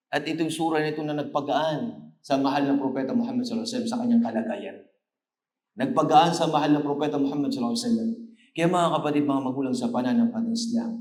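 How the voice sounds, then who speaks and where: Man, Filipino accent, mosque preacher, slightly high voice, earnest delivery with slow chanted recitation, roomy echo. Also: a little mellow. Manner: recites Quran verses in slow chanted Arabic; earnest, often repeats "subhanallah". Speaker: Islamic preacher. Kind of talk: sermon. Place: mosque after evening prayer.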